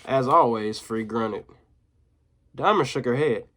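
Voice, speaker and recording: A man reading a children's chapter book aloud in a mid-range voice, lively in places. He breaks off for relaxed, slangy comments to young listeners. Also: medium pitch, slow. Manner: casual, slangy asides to listeners. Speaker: teacher.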